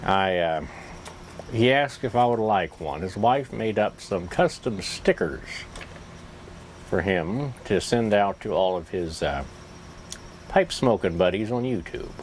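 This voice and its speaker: This man, a YouTube vlogger who smokes a pipe, chats slowly and casually to the camera in a folksy, meandering, self-deprecating style, seemingly with the pipe in his mouth. His fairly low voice has lively intonation, and slight background noise can be heard.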